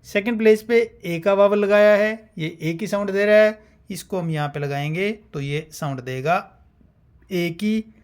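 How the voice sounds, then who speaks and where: A man's voice: high voice, vocal fry. A man teaching shorthand, explaining step by step and sounding out example syllables one at a time. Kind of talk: classroom-style explanation.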